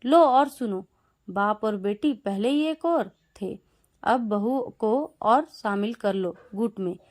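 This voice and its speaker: A sharp-tongued older mother-in-law who nags and scolds in a raised, high voice, put on by a woman narrating a storybook. She talks over people and finds fault in everything. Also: animated, unhurried. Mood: sulky.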